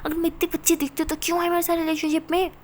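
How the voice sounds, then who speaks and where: A woman's voice: high voice, steady tone, normal speed, a little mellow. A woman voicing a stubborn, sulky young woman in a love story, talking in a pouting, insistent way.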